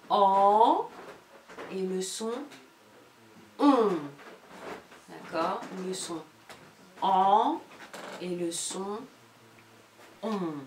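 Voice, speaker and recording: A woman teaching a young child a phonics lesson from home, with slow, patient and clearly articulated sounds. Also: on the low side. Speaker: primary school teacher. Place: home with pets. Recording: roomy echo, distant from the mic, faint noise.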